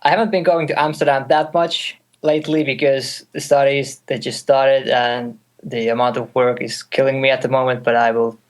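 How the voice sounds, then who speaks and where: Young Finnish man, twenties, native Finnish speaker, call interview guest, halting and friendly. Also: medium pitch, level tone. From Finland. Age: 20s. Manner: hesitant, many fillers and restarts, light laughs. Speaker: guest music producer. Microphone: call audio.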